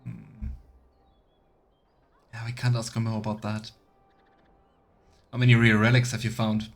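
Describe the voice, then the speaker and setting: A male streamer plays through a fantasy game as a let's player, reading dialogue aloud and making casual comments. His voice sits on the low side with vocal fry, and his delivery is completely flat and unhurried.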